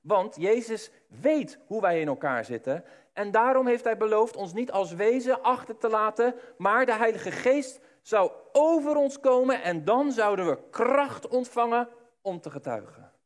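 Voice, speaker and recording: High-voiced man preaching a sermon. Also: animated, measured pace. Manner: emphatic, swinging between hushed and loud; addresses listeners directly.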